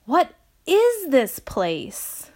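Young boy, earnest, high-pitched, calling out, read by a woman, storybook, lively pitch. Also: a little slow, full character voice. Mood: curious. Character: young boy, stubborn then worried.

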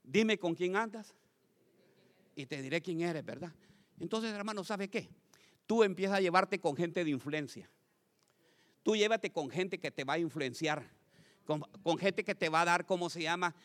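A man preaching a lively sermon to his congregation as pastor, swinging from loud calls to quiet asides and asking the crowd questions. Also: sits high, normal speed, long pauses. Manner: addresses congregation as brothers, asks questions.

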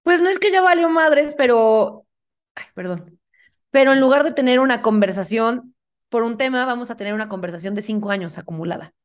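Slangy, animated Mexican woman. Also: a little high, fairly quick. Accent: Mexican Spanish. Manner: animated, acts out quoted dialogue, frank and slangy. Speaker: guest. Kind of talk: casual chat.

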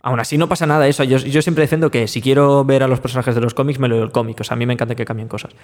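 A man in casual podcast chat reviewing a film, animated and talking over himself. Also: mid-range voice, rapid-fire. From Latin America. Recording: roomy reverb.

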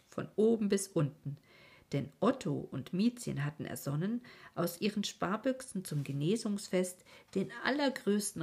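A woman narrating a storybook in a soft, hushed reading manner. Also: fairly low pitch, slightly rough.

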